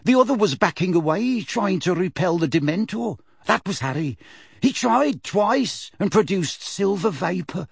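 A woman's voice: medium pitch, expressive, moderate pace, vocal fry, slightly rough, dry recording, clean studio sound, pitched above the performer's own voice. A man voicing a nervous older woman giving witness testimony, earnest and a little shaky. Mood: urgent. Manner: shaky then steadier, earnest.

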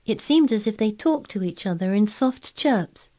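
A woman's voice: mid-range voice, animated, normal speed, warm tone, pitched above the performer's own voice, close to an everyday voice. A woman reading aloud, voicing a blunt, contrary girl who speaks earnestly and stubbornly. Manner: obstinate, earnest, eager describing.

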